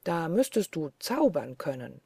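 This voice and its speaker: A woman's voice: low-pitched, big pitch swings, a little slow, vocal fry, a little mellow, husky, dry recording, studio quality, exaggerated voice. A woman reading the lines of a cunning, cold-hearted young male charcoal burner who taunts scornfully. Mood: taunting.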